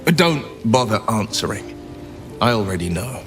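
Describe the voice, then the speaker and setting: A man's voice: on the low side, very animated, moderate pace, fairly bright tone. A man playing a disillusioned hero in a video game, bitter and dramatic. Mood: appalled, bitter. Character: noble male monster hunter, appalled and disillusioned. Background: game music.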